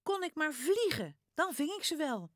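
A woman voicing an excitable little male puppy in a children's storybook reading, with high yapping barks. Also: moderate pace, no echo, clean studio sound. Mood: eager.

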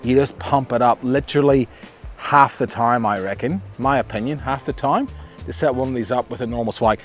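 At a campsite among trees, a middle-aged Australian man gives a chatty, enthusiastic review of camping gear, often restarting his sentences. His medium-pitched voice is fairly quick, with faint music behind it.

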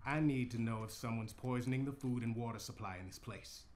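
An actor voicing a gruff male security officer who speaks bluntly and dismissively. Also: mid-range voice, a little fast, darkish tone, slight background noise, close to an everyday voice.

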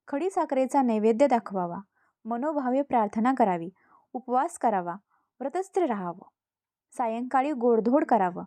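A woman's voice: on the high side, a little mellow, no room sound, natural voice. A woman voicing a wise, patient old woman in a folk tale, speaking earnestly and giving careful instructions.

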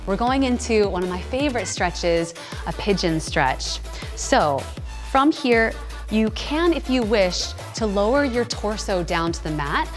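A woman's voice: medium pitch, lively intonation, measured pace. A woman in her thirties leads a yoga class with a mid-range voice and upbeat, encouraging cues. She is recorded indoors in a large gym studio. Faint music plays under her. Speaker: fitness trainer. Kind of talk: guided yoga instruction.

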